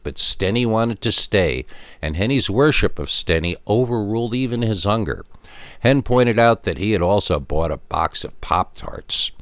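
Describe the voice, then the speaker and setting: A man with a low-sitting voice tells a scripted scary story in the first person, stretching out key words in an expressive, emphatic storytelling style, captured in a dry recording.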